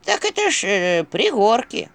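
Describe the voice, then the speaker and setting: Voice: mid-range voice, big pitch swings, measured pace, fairly bright tone, a little hiss or hum, pitched above the performer's own voice. A reader voicing a suspicious old village woman in a fairy tale, mumbling and bossy, with folksy speech. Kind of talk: audiobook character voice.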